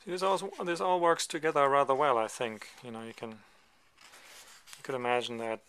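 A man casually presenting a photo book he is paging through at a table, talking in a relaxed, hesitant way with many ums and side remarks. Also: medium pitch, normal speed, clean tone. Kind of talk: casual show-and-tell commentary. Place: indoors at a table, filming a book from above.

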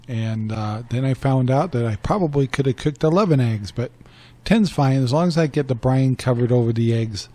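A man's voice: medium pitch, warm tone. An older man giving a plain, step-by-step voice-over for a home cooking video, matter-of-fact in tone. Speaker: cooking channel host. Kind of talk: voice-over narration.

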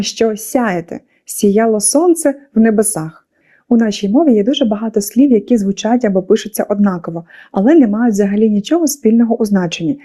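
Mellow-voiced woman teaching a school lesson. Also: mid-range voice. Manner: patient explaining with questions to pupils. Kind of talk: scripted lesson narration for children.

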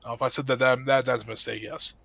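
A man working race control, calmly sorting out the running order and calling restarts. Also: medium pitch, fast, gravelly, over a noisy crowd. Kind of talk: casual race control chatter. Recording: dry, dull lo-fi voice chat.

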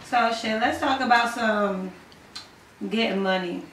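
A woman's voice: on the high side, measured pace, a bit bright, slight background noise. A woman co-hosting a casual panel talk show, asking the others questions and moving to new topics. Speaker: podcast co-host steering topics. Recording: echoey room, distant mic.

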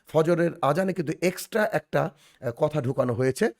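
A man's voice: fairly high pitch, brisk, darkish tone. A man teaching a children's English lesson over a video call, patiently repeating phrases and checking that the class follows.

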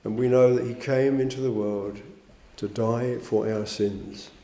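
A man's voice: steady tone, a little slow, warm tone, a little hiss or hum. A man preaching a sermon, reading scripture aloud and explaining it with fillers and restarts. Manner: rises in pitch and volume on quoted verses. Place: church. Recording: echoey church hall.

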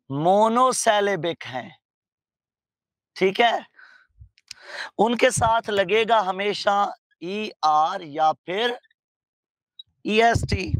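A man's voice: sits high, fairly bright tone, dry recording. A man teaching grammar as a lecturer, drawing out key words and asking rhetorical questions. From Pakistan. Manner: slow, drawn-out emphasis with rhetorical questions. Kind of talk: grammar lecture in Hindi-English mix. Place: teaching studio.

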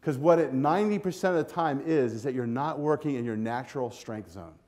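A man's voice: mid-range voice, a little fast. An older man giving a keynote speech to students in a hotel ballroom, talking energetically and directly, on a lapel mic. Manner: energetic, animated, walks the stage with a handheld clicker. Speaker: keynote speaker. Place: hotel ballroom with a seated audience.

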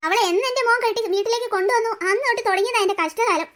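This is a scheming old grandmother from a cartoon story, scornful and always scolding, as a woman acts her out. The voice sits very high and runs quick. It has a bright, sharp edge. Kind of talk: cartoon voice acting.

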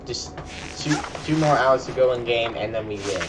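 Loud game music fills the background as a young gaming streamer gives chatty commentary and brags playfully to his audience. He speaks at medium pitch and a moderate pace, recorded from a distance with background noise.

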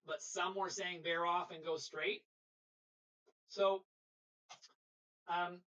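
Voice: mid-range voice, sharp tone, low-quality recording. A sailing instructor giving a live webinar lecture over a video call, explaining patiently and checking in with the class.

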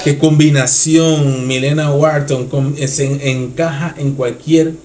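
A man's voice: fairly high pitch, steady tone, slow pace. A man reacting to a music video in casual commentary, enthusiastic and repeating short phrases. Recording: loud song playing under the voice.

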